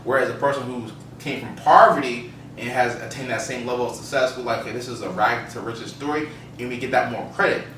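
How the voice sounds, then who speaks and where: A man's voice: mid-range voice, quick pace, fairly bright tone. A man co-hosting a podcast, explaining his opinions in casual, emphatic conversation. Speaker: podcast co-host. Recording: roomy, distant mic, faint noise.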